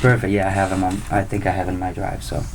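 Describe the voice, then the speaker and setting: This is a man. His voice sits on the low side, and he answers at an easy pace, often restarting his sentences. A faint hiss stays behind him. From Italy. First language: Italian. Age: 30s. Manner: relaxed, unhurried, with restarts. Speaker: guest musician. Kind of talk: casual interview.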